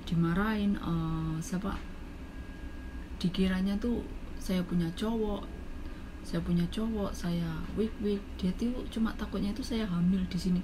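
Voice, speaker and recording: An Indonesian woman in her thirties with a Javanese accent, telling a personal story in a casual vlog, animated and acting out the people she quotes. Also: unhurried. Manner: animated, jumps into high-pitched quoted voices. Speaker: domestic worker vlogger. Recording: noisy background.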